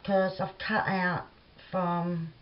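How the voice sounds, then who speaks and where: Cockney woman, low voice, slow unhurried talk, crafting at home, dull lo-fi recording with loud clicks. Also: level tone, very noisy. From London. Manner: chatty, thinks aloud while working. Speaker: craft vlogger. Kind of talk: casual crafting tutorial.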